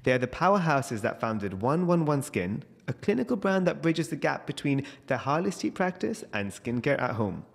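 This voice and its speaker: A man's voice: medium pitch, very animated, normal speed, creaky, hardly any pauses, long reverb tail. A young man hosting a podcast, reading an enthusiastic scripted introduction and asking his guests questions. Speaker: podcast host. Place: indoor room, video call. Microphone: studio mic on stand.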